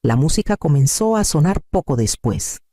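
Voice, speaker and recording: Male storybook narrator with a deep mellow timbre and a lively melody. Scripted and steady. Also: normal speed, dry recording.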